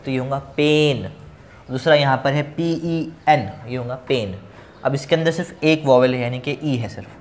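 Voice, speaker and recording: Patient male phonics teacher, spelling slowly. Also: mid-range voice, a little hiss or hum. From India. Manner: patient, repeats letters and words slowly, asks then answers own questions. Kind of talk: classroom lesson explaining English phonics.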